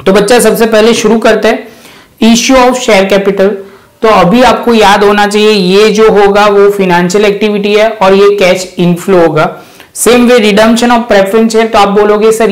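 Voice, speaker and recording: A man's voice: high-pitched, rough recording. A male commerce teacher with a Gujarati-influenced Hindi accent, lecturing students point by point and calling them "child". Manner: addresses students as "child", quick point-by-point explanation. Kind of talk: classroom lecture.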